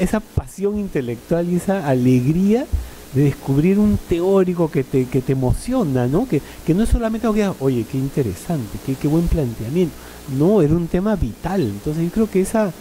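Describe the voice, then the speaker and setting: Mellow middle-aged man telling stories. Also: fairly high pitch, slight background noise, poor audio. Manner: rambling storyteller, frequent "¿no?" and "este" fillers. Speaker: panel speaker. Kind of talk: anecdotal reminiscence at a panel.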